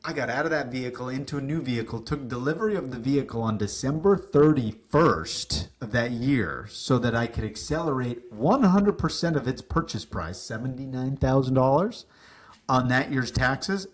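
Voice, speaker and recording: A man telling stories as a guest on a business podcast, lively, acting out what people said, with some casual swearing. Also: mid-range voice, normal speed. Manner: animated, acts out quoted dialogue, casual swearing. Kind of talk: casual interview storytelling.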